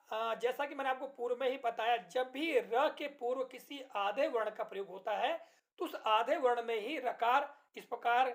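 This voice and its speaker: A man teaching a grammar lesson from slides. He explains step by step, checks in often with the class, and recites poem lines slowly and deliberately. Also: very high voice, vocal fry, a little hiss or hum.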